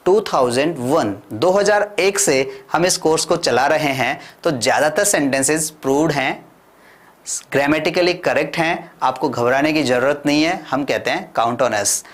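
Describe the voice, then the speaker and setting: A man with an Indian accent teaching spoken English in a classroom, drilling slow model sentences and asking the class to repeat. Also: a little high. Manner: asks the class and answers himself. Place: classroom with whiteboard.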